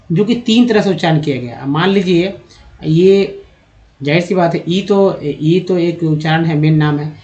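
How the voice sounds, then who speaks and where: A man's voice: sits high, a little mellow. A man with a Hindi accent teaching English pronunciation from slides, patiently spelling words out letter by letter. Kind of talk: slide-based spoken lesson. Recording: dull lo-fi sound.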